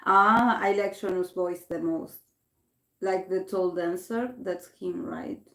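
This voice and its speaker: Slow and lowish, with vocal fry and a fairly bright tone, an Argentine woman hosts a tarot livestream in casual English, though she's a native Spanish speaker. She keeps restarting and reading out comments, and the audio has a roomy echo.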